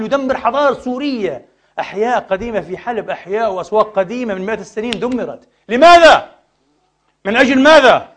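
A man preaching a sermon lesson, addressing the brothers with rhetorical questions and swinging between loud outbursts and quiet asides. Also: sits high. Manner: impassioned, rhetorical questions to the audience.

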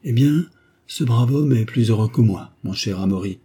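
A man's voice: medium pitch, moderate pace, dark tone, slightly rough, voice pushed up, close to an everyday voice. A man reading the lines of a proud, impulsive young French duke in an audiobook, in an indignant, dignified voice.

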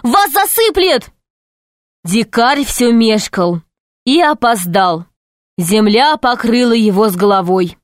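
A woman reading a children's adventure book aloud in measured, clear narration. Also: mid-range voice, no echo, clean studio sound. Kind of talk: scripted audiobook narration.

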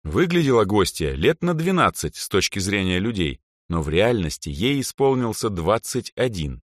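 A man narrating a fantasy audiobook in an expressive storytelling manner. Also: fairly low pitch, normal speed, no room sound, clean studio sound. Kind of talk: scripted narration.

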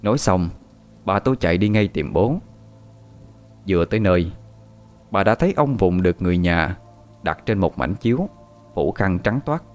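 A man narrating a story in a calm, measured scripted reading. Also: sits low, soft background music.

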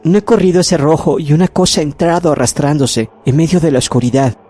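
A man voicing a terrified young woman, shaken and pleading in a high voice, in a horror audiobook. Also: quick pace, dark tone, husky.

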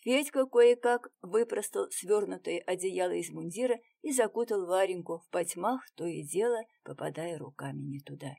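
A woman narrating an audiobook with expressive reading that drops to a hush in tense moments. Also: on the low side, normal speed, creaky, few pauses. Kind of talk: scripted narration.

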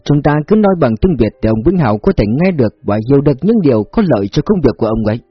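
A man reading a story, voicing a curt, commanding foreign adviser; husky voice. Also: mid-range voice, very animated, rapid-fire, no echo, lo-fi sound, soft background music.

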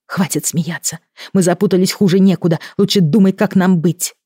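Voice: medium pitch, fairly even intonation, fairly quick, warm tone, dry recording, studio quality, voice pushed up, lightly acted. A reader voicing an anxious, fiery young sorceress girl in an audiobook, with urgent, pleading questions. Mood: agitated. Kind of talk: audiobook character voice.

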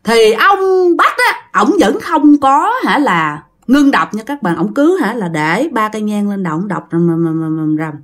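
A woman with a Southern Vietnamese accent telling a ghost story in a casual, animated way, talking straight to her listeners. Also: fairly high pitch, a little slow, few pauses.

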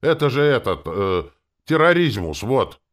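A man voicing a pushy, cowardly middle-aged male cab driver who haggles loudly and whines in an audiobook. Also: mid-range voice, big pitch swings, moderate pace, voice pushed up. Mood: alarmed. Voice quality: loud whiny haggling. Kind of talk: audiobook character voice.

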